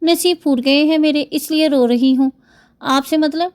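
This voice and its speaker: A woman's voice: sits high, fairly even intonation, a little mellow, close to an everyday voice. A woman reading the lines of a fiery young wife who speaks in a choked, tearful voice and snaps back. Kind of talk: novel reading.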